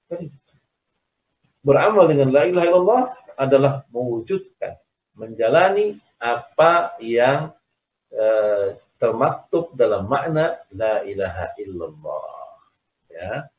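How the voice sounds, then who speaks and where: A man's voice: medium pitch, big pitch swings, slow pace, pauses often, dull audio. Man teaching an online religious lesson. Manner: explains by repetition, asks "ya kan?". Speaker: Islamic teacher. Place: recorded over a video call. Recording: echoey, distant video-call audio.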